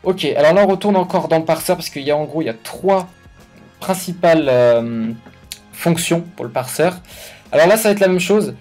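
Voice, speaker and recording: A man's voice: on the high side, normal speed, darkish tone, faint music behind. A man hosting a casual coding tutorial, thinking aloud with hesitations and self-corrections in an informal, slangy way. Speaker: YouTube tutorial host.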